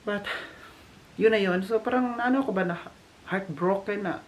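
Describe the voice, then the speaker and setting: A woman from the Philippines vlogging casually from Germany, telling a story with animated restarts and English mixed in. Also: mid-range voice, normal speed, slight background noise. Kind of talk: casual vlog chat.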